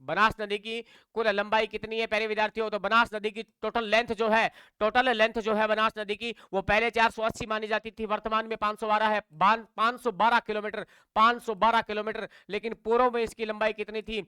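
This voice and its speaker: A man's voice: high voice, completely flat delivery, a little fast, hardly any pauses, sharp tone, smooth, no echo. A young man teaching an exam-prep class in with a tinge, repeating key facts and quizzing his students. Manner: sing-song memory chants.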